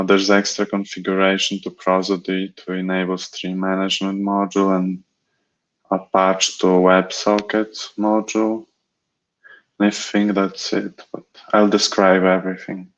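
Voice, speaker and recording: A developer explaining technical work on a video call, slow and hesitant. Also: male voice, sits low. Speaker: developer on the team. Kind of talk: casual update on a video call. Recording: dull lo-fi call audio.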